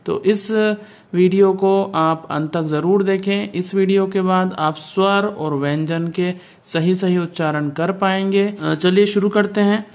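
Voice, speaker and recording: A teacher giving a pronunciation lesson on the alphabet, stretching out each vowel and consonant deliberately. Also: mid-range voice, fairly even intonation, a little mellow. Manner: slow, drawn-out enunciation of each sound.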